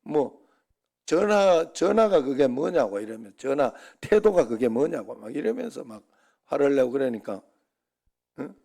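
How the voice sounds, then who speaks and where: A man's voice: mid-range voice, big pitch swings, unhurried, gravelly, mellow. A middle-aged man preaching a Sunday sermon as pastor, conversational and full of rhetorical asides to the congregation.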